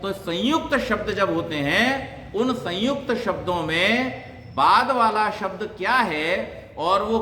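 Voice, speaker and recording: Bright-voiced man teaching in an echoey hall. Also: high-pitched, a little hiss or hum. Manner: explains by asking and answering his own questions, demonstrates sounds. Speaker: Sanskrit teacher and pandit. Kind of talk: religious teaching talk. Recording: echoey hall with long reverb.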